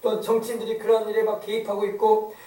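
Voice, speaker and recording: A man's voice: high voice, monotone, fast talker, dark tone, echoey room, far from the mic, poor audio. A male pastor preaching an emphatic sermon, often asking the congregation to agree. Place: church sanctuary.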